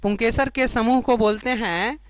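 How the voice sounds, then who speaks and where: A woman teaching biology to exam students, repeating each key term slowly and checking that the class follows. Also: on the high side, no room sound. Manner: explains in Hindi, giving the English term for each.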